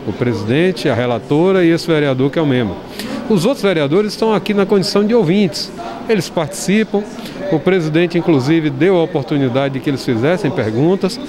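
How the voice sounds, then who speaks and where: A middle-aged man, a city councilman, answering a reporter's questions firmly in a council chamber, speaking into a handheld mic. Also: on the high side. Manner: firm, insistent, repeats phrases for emphasis. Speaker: city councilman on an inquiry committee. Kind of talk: press interview.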